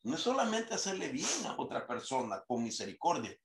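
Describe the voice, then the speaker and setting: Male preacher, gravelly, fairly high voice, teaching sermon with scripture readings. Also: wildly swooping pitch, a little fast, roomy sound. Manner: quotes scripture in a raised reading voice.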